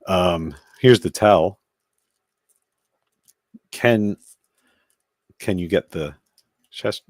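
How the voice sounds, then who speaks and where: Low-voiced man rambling through a toy review. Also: dry recording, studio quality. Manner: rambling, thinks aloud while handling a figure. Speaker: toy collector host. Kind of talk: casual live-stream toy review.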